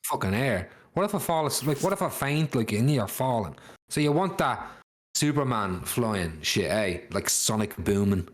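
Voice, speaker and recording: A man's voice: medium pitch, very animated, normal speed. A man with an Australian accent co-hosting a casual chat between mates, rambling and sweary as he chases his ideas. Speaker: podcast co-host.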